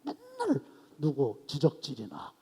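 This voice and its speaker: A male pastor preaching an expository sermon at an evening church service, telling the story with animated swings between loud outbursts and soft asides. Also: a little high, normal speed, slightly rough, long reverb tail.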